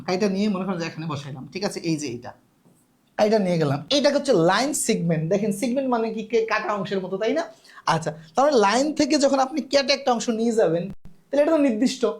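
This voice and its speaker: A woman's voice: medium pitch, animated, fairly quick, a little mellow. A woman teaching a live online math class, patiently repeating key terms and checking that students understand.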